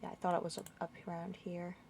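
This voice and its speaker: A woman's voice: on the low side, flat delivery, fast talker, gravelly, darkish tone, slight background noise. A woman playing through a game walkthrough, thinking aloud and muttering confused questions as she goes. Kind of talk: casual gameplay commentary.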